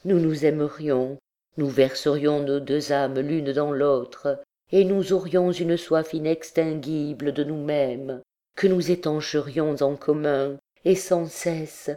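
A woman's voice: low voice, fairly even intonation, takes it slowly, dark tone. A woman reading as a desperate lovesick priest. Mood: pleading. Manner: pleading, impassioned. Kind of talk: audiobook character reading.

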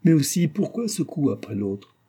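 A man's voice: fairly high pitch, very animated, moderate pace, warm tone, slightly rough, voice pushed up. A man playing a grieving middle-aged father, bitter and despairing, speaking in an impassioned, anguished way.

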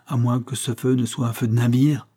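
A man's voice: medium pitch, flat delivery, fairly quick, warm tone, husky, lightly acted. A man reading an audiobook voices a cautious army sergeant who answers tersely and matter-of-factly.

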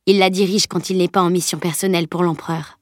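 A woman's voice: on the low side, steady tone, quick pace, no echo, clean studio sound, natural voice. A woman reading a burly jovial knight. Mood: earnest telling. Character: huge jovial male knight, gruff and teasing.

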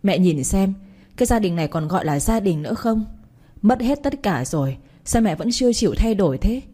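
A woman's voice: medium pitch, expressive, brisk, warm tone, lightly acted. A woman reading a story aloud and voicing a worn-out young woman who is bitter and despairing. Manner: bitter, exasperated.

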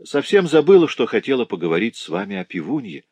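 A man's voice: mid-range voice, wildly swooping pitch, fast, creaky, a little mellow, husky, no room sound, voice pushed up, exaggerated voice. A man voicing a cheerful, tender-hearted young working woman in an audiobook, chattering eagerly and emotionally. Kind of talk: audiobook character voice.

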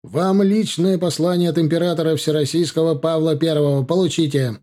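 A man's voice: on the high side, steady tone, a little fast, warm tone, pitched above the performer's own voice, lightly acted. A man voicing a stiff, formal guards captain delivering an official message.

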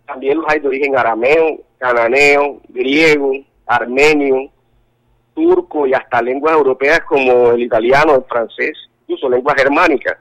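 This interview guest, a Colombian man on the phone, has a medium-pitched, fairly bright voice and talks expressively at a normal speed. Earnest in tone, he frequently hesitates and repeats himself while looking for words, and the line is tinny.

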